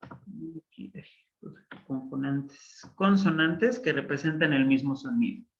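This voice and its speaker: A man teaching a Biblical Hebrew class online, explaining slowly and patiently with frequent pauses and fillers. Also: mid-range voice, very animated, gravelly, highs cut off.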